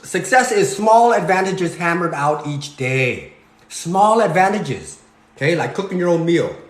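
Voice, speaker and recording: A man in his forties, born in Cambodia, lectures his viewers in a home kitchen while he cooks. His voice sits a little high for a man, and the room gives it a clear echo. He talks in a preachy way and keeps checking in with "okay?". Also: sing-song, measured pace. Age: 40s. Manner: preachy, repeats "okay?" and "you guys". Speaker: fitness vlogger. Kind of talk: motivational talk while cooking.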